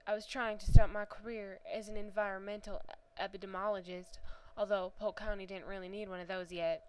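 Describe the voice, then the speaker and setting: A woman's voice: medium pitch, little pitch movement, a little fast, a little mellow, clean tone, close to an everyday voice, poor audio. A woman voicing a grieving young woman from the American South, reading a first-person story in a Southern accent with a reflective, earnest manner. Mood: wistful.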